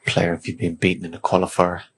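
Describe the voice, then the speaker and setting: A man giving hushed snooker commentary in short, measured, understated remarks. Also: sits low, completely flat delivery. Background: faint noise and snooker ball clicks.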